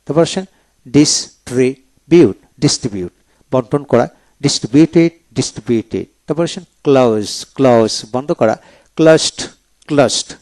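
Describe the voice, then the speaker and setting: Man drilling words slowly, dry close sound. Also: medium pitch, animated, darkish tone, no echo. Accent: Bangladeshi. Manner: slow, repetitive word-by-word drilling. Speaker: English teacher. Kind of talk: pronunciation drill lesson.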